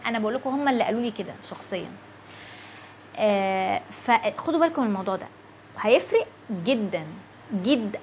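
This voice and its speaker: Fast-talking Egyptian woman teaching English. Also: high-pitched, a little hiss or hum. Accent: Egyptian Arabic. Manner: chatty, repeats "okay?" to check in. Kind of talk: casual lesson talk to viewers.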